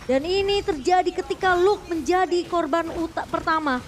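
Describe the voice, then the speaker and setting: A woman's voice: very high voice, moderate pace. A woman with an Indonesian accent giving live esports commentary and analysis in long, flowing, explanatory sentences.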